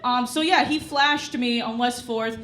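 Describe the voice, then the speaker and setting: A woman's voice: fairly high pitch, measured pace, fairly bright tone. A young woman performing a stand-up comedy set on a club stage, chatty, with lots of "you know" asides. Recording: echoey club with audience noise. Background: live audience laughter.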